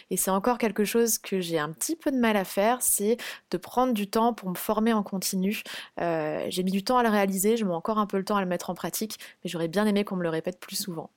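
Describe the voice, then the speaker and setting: A woman's voice: mid-range voice, a little mellow, no room sound. A young adult woman, a freelance guest on a podcast interview, explaining things step by step with frequent hesitations.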